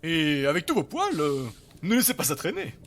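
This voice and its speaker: Man playing an excitable, high-pitched mad scientist. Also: moderate pace. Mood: fussy, scolding. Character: eccentric male elf mad scientist, excitable and fussy.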